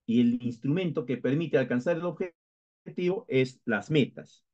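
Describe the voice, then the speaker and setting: A man's voice: mid-range voice, measured pace, dark tone. A man with a Peruvian Spanish accent teaching a lecture, explaining step by step with frequent hesitations and restarts. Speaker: instructor. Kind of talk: recorded lecture. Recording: dull lo-fi lecture recording.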